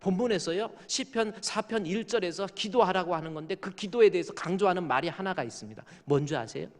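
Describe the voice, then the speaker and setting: A male pastor preaching a sermon, joking with the congregation and rising to loud, fervent prayer. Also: high voice, brisk. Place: church sanctuary. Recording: church hall with long reverb.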